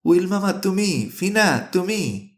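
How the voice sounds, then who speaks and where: A man's voice: fairly high pitch, moderate pace, vocal fry, pitched above the performer's own voice. A man voicing a bewildered young castaway, speaking in an agitated, questioning way. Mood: stunned. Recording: echoey room.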